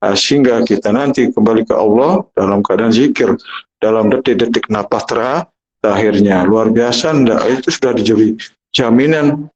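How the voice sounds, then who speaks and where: A man giving an unhurried sermon as a spiritual teacher, often pausing and restarting his phrases. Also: fairly low pitch, a little mellow, highs cut off, slight background noise. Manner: unhurried, halting, many restarts and fillers.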